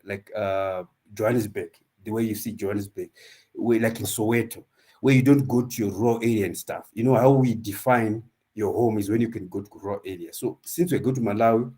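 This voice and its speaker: A low-voiced man gives a reflective personal talk at an online academic symposium. He speaks thoughtfully and haltingly, pausing to find his words. His voice comes through a video call. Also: warm tone, slightly rough. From Zimbabwe.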